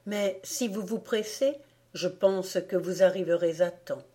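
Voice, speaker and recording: A woman's voice: mid-range voice, measured pace, dark tone, lightly acted. A woman reading aloud voices a lonely young boy who speaks in a sorrowful, bitter way. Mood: consoling.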